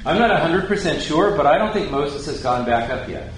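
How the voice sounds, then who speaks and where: A man's voice: on the high side, animated, a little fast, slight background noise. A man teaching the Bible in a conversational way, putting questions to his listeners and paraphrasing scripture in casual words. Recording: very echoey room, faint ambience.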